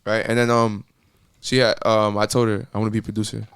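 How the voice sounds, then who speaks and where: Here a young man from Miami, Florida rambles through a casual interview about his music as a podcast guest, restarting often and leaning on fillers. His lowish voice is flat, fast, and fairly bright, with a clean tone captured in a dry, clean studio recording.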